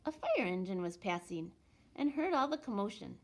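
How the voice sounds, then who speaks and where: A woman reads a picture book aloud for young children. Her mid-pitched voice moves up and down in a very lively way. She tells the story expressively, placing deliberate pauses and emphasis as she goes. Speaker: elementary school storytime reader.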